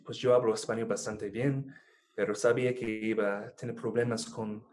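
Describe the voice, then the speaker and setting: A man's voice: on the low side, moderate pace. Easygoing man chatting fluently as a guest. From United States. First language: English. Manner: relaxed and chatty, fluent with filler words. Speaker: podcast guest. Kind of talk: casual conversation.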